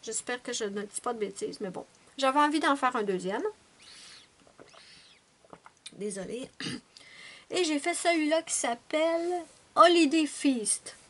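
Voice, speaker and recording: A woman's voice: high voice, normal speed, a bit bright. A woman chatting casually to her viewers about her finished coloring pages, with frequent fillers and restarts. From Canada. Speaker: coloring channel host.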